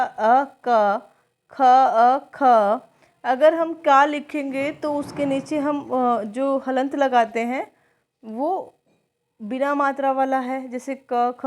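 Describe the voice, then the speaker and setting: A woman with a high voice teaches a grammar lesson for exam preparation. She speaks slowly, reciting letters one by one and explaining each rule patiently.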